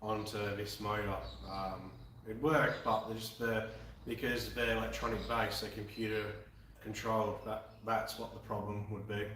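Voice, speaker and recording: A man's voice: on the low side, little pitch movement, moderate pace, a bit bright, a little hiss or hum. A man in his twenties with an Australian accent, chatting casually with viewers on a live stream, laid-back and swearing now and then. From Western Australia. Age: 20s. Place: garage. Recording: very echoey room, mic far off.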